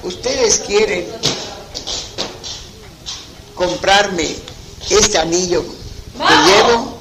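A man's voice: sits high, expressive, slow, noisy background. A man voicing a young, courteous enchanted prince.

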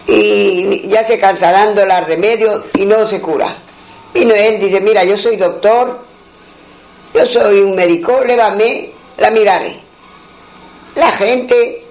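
A man's voice: high voice, rough recording. A man telling a traditional folk tale aloud in a homely way, repeating phrases and speaking the characters' lines himself. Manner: homely, repetitive, voices the characters' lines in turn. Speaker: storyteller.

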